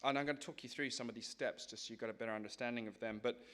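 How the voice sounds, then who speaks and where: A man's voice: mid-range voice, steady tone, fast, a bit bright, a little hiss or hum. A man giving an explanatory conference presentation in an informal way. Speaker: film professional, conference presenter.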